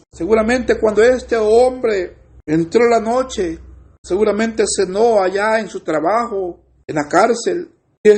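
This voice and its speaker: A man's voice: high voice, a little mellow. A man from El Salvador with a Salvadoran Spanish accent, preaching an earnest sermon and addressing his listeners as brothers.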